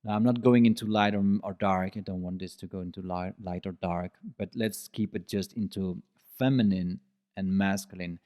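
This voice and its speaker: A man talks through his ideas in a reflective solo podcast, earnest and explanatory. His voice sits somewhat low, and he repeats key phrases to drive them home. His English has some non-native slips in phrasing and grammar. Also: fairly even intonation, moderate pace, darkish tone. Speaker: podcast host.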